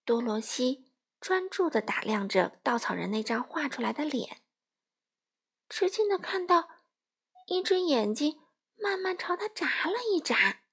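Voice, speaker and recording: A woman narrating a children's storybook with a gentle, expressive reading. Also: sits high, a little slow, pauses often.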